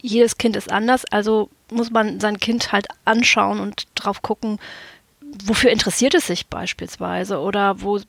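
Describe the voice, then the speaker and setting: A woman explains things as a guest in a conversational podcast. Her mid-pitched voice has plenty of vocal fry and sounds very dry and close. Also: fairly even intonation, normal speed, fairly bright tone, dry recording. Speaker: podcast guest, game shop owner and childminder.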